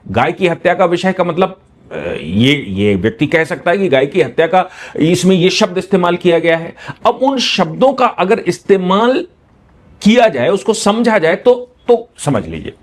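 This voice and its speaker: A man, a law teacher giving an animated lecture and acting out examples with shifting emphasis. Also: sits high. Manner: animated explaining, acts out examples with changing emphasis. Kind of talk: lecture on a legal news topic.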